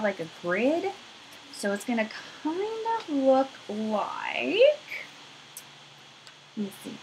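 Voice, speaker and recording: A high-voiced woman in her thirties encourages young children through a craft project, addressing them directly. The webcam recording comes from a small, furnished room indoors at her home, and it's low quality with a bit of background noise.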